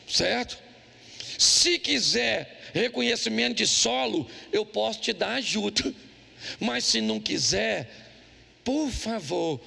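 In a church, a male pastor whose voice sits high, with a creaky, sharp tone, delivers a humorous sermon, telling jokes like a storyteller and quizzing the congregation.

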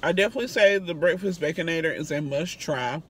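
A woman's voice: low-pitched, quick pace, husky. A woman hosting a casual food review vlog, talking to her viewers in a chatty, conversational way. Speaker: food reviewer and channel host.

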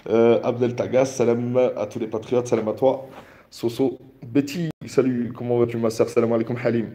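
A man's voice: medium pitch, flat delivery, normal speed, warm tone. A man in his thirties chatting casually on a livestream in an echoing bare room, informally repeating greetings to viewers and mixing in Arabic phrases. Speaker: livestream host. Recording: hallway-like echo, resonant bare room.

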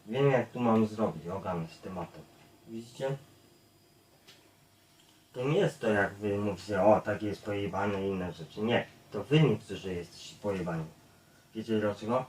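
A man's voice: fairly low pitch, moderate pace, pauses often, a little mellow, slight background noise. A man streaming a blunt, profane, repetitive rant to his viewers, addressing them over and over. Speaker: YouTube streamer. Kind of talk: ranting monologue to viewers. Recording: echoey room, far from the mic.

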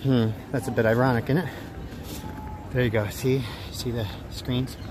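A man's voice: mid-range voice, flat delivery, normal speed, background noise. A middle-aged man recording a casual personal vlog on a handheld phone, rambling and self-deprecating as he talks. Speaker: running vlogger. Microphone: phone at arm's length.

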